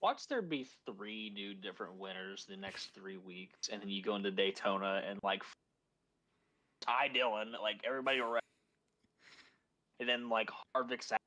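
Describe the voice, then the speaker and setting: A man's voice: on the low side, normal speed, pushed and bright. A man joining a casual sports podcast over a remote call connection that keeps cutting out. He mutters loose, trailing predictions. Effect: remote call audio that keeps cutting out. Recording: distant, dropping call audio.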